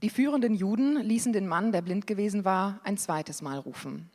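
A woman reading a Bible passage aloud in a church service, with an expressive reading that lifts on the quoted questions. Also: mid-range voice, normal speed. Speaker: scripture reader. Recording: long hall reverb.

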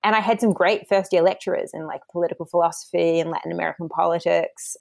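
Low-voiced woman with a broad Kiwi accent. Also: steady tone, quick pace, creaky, darkish tone. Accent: broad New Zealand. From New Zealand. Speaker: interview guest, academic author. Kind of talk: conversational interview answers.

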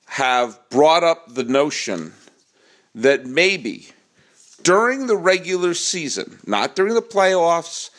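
A man's voice: a little high, very animated, slow pace, a bit bright. A man hosting a casual baseball podcast, joking and projecting as he performs. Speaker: podcast host.

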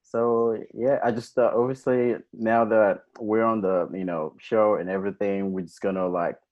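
A man hosting a podcast talks in a loose, enthusiastic, rambling way. His voice sits deep and low. The sound is dull and lo-fi, as if it came over a video call. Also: steady tone, normal speed. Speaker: podcast host. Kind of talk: casual interview chat.

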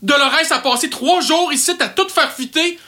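A woman's voice: high-pitched, moderate pace. A woman playing a fussy male theatre director. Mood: exasperated. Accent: Quebec French. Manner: animated, exasperated correcting.

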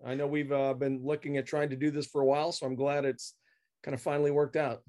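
A middle-aged man answers questions as a guest expert in a professional interview, talking fast in a medium-pitched, level, mellow voice. He explains at length, with plenty of fillers and repeated words.

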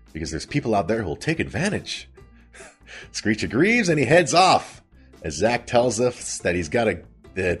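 Brief: low husky guy, casual recap host, faint music under. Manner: laughs often, chatty and amused. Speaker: podcast host recapping a sitcom.

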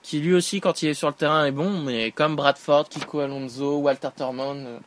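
A man's voice: on the high side, fairly even intonation, a little fast. A man chatting casually on a podcast, a bit hesitant as he recalls things. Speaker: podcast panelist.

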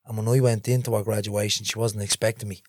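A man's voice: on the low side, level tone, fast, dry recording, studio quality. A middle-aged man with a Dublin accent, a podcast guest telling his life story candidly and with animation. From Ballymun, Dublin, Ireland. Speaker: interview guest.

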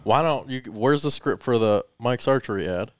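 A man's voice: medium pitch, moderate pace, no room sound. A man hosting a casual podcast chat, joking around and talking with emphasis. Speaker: podcast host.

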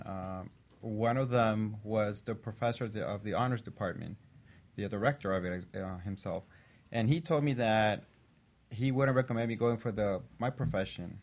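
A physician assistant appearing as a talk show guest tells a personal story earnestly and steadily. His voice is lowish.

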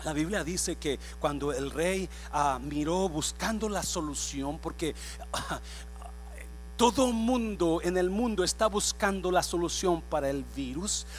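High-voiced preacher swinging soft to shouting. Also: male voice, lively intonation, measured pace, soft background music. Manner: swings from hushed to shouting, mixes in English phrases. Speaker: pastor. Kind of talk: sermon.

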